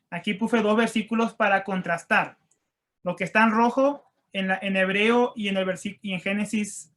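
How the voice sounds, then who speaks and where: A man giving an online Bible lesson from slides. He reads scripture and Hebrew words slowly and deliberately, and he repeats key phrases for emphasis. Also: sits high, fairly bright tone. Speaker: Bible teacher.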